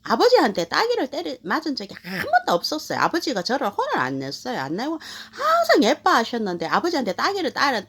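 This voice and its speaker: A woman in her fifties hosting her channel, telling a personal story in a rambling, animated way with many fillers. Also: high voice, brisk, few pauses, slight background noise. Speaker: channel host. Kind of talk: casual storytelling.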